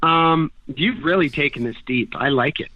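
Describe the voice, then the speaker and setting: A man's voice: fairly high pitch, normal speed, a little hiss or hum. A man from Canada, in his thirties, telling rambling, jokey stories in casual podcast talk. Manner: animated, jokey, rambling storyteller. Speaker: guest snowboarder. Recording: dry, tinny phone-like audio.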